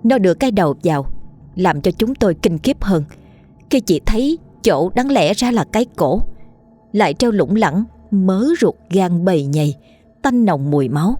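A woman reading a horror story aloud in a steady, measured and grim narration. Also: on the low side, faint music behind.

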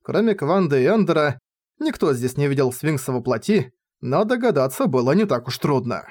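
A man narrating an audiobook in a steady storytelling manner. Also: fairly high pitch, normal speed. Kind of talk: scripted narration.

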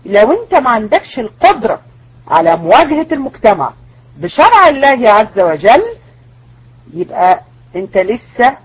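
A woman's voice: on the high side, breathy edge, muffled recording. A woman religious teacher with an Egyptian accent, giving an online lecture full of rhetorical questions and insistent warnings. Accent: Egyptian Arabic.

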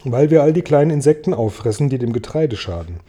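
A man's voice: mid-range voice, expressive, fast talker, dark tone, slightly rough. A man voicing a polite, snobbish female ladybug in an audiobook reading. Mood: prim. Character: genteel, proud female ladybug.

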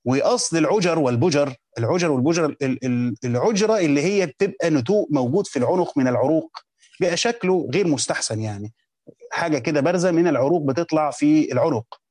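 A man's voice: on the high side, animated, fast talker, a little mellow, dry recording, clean studio sound. A man with an Egyptian accent giving a lesson, reading classical Arabic lines and explaining them in colloquial dialect, repeating phrases as he goes. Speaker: teacher of hadith commentary. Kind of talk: Islamic lesson commentary.

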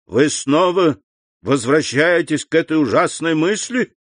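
A man's voice: mid-range voice, slow pace, no room sound, clean studio sound, lightly acted. A man voicing an anxious middle-aged prosecutor speaking in short, urgent exclamations, in an audiobook reading.

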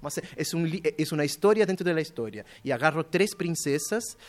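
Animated, halting male storyteller. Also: a little high. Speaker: guest children's book author. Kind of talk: radio interview storytelling. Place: radio studio.

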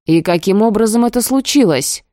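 A woman's voice: medium pitch, animated, brisk, dark tone, no echo, studio quality, close to an everyday voice. A woman voicing an angry young man, a protective older brother who talks harshly through gritted teeth in an audiobook. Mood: harsh questioning. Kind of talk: audiobook dialogue.

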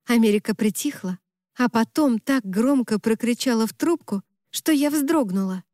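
A woman reading a first-person novel aloud in an even, measured storytelling manner, close to the mic. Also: fairly high pitch, no echo. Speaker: audiobook narrator.

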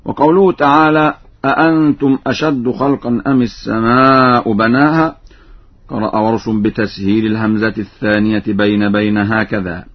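A middle-aged man giving a formal recitation lesson, explaining in a measured voice and chanting each example slowly and melodically. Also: fairly low pitch, steady tone. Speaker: Quran recitation scholar. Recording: dull archival radio broadcast.

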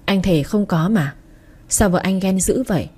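A young husband coaxing his upset wife, voiced by a woman reader. Soft and placating, with a husky, mellow tone. Audiobook character voice. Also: medium pitch, normal speed, lightly acted. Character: young husband, patient and teasing.

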